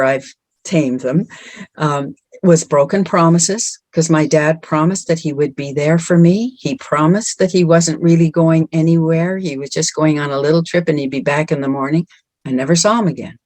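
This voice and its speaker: Deep and darkish in tone, this middle-aged woman's voice comes through with no room sound. She speaks at a women's empowerment event, offering earnest encouragement and repeating words to drive points home.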